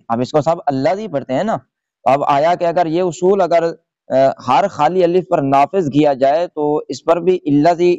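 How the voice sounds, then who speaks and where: Male Quran tutor, slightly higher voice, patient and repetitive, recorded close and dry. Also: dark tone, no room sound, muffled recording. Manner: patient, repeats rules step by step, checks in with "theek hai". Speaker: Quran reading teacher. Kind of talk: tutorial lesson.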